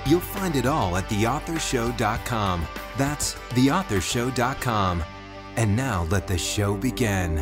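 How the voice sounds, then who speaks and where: A male announcer delivers a scripted show opener in a smooth, promotional voice. Clear guitar music plays behind him throughout. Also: medium pitch, lively intonation, a little slow.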